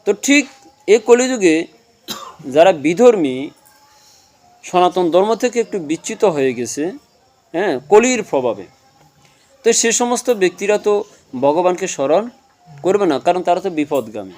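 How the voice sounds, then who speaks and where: A man's voice: sits high, very animated, a little slow, long pauses, a little mellow. A man giving a devotional talk, asking his listeners questions and answering them himself, explaining with everyday examples. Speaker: religious speaker.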